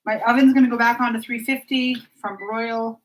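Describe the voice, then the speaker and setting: A woman's voice: fairly high pitch, steady tone, normal speed, low-quality recording. A middle-aged woman hosting a casual cooking video, chatting to her viewers as she works in her home kitchen. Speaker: cooking vlogger. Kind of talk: casual live cooking chat. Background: clatter of dishes and pans.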